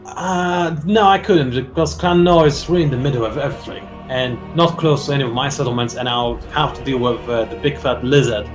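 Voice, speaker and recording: A man's voice: mid-range voice, brisk, over music. A man hosting a casual gameplay session, teasing his opponent and explaining game mechanics as he plays. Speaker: strategy game player, channel host.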